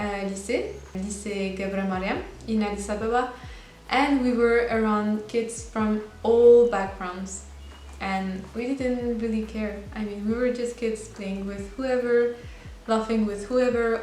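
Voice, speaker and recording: A woman in her twenties with a voice on the high side and a darkish tone talks casually to camera about her life. She's a Belgian vlogger and native French speaker, earnest and chatty with small restarts; the room echoes and there's faint hiss.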